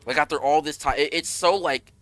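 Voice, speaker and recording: A young man chatting casually with his viewers on a game stream, animated and rambling, swearing freely. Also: a little high, brisk, dry recording, faint music behind.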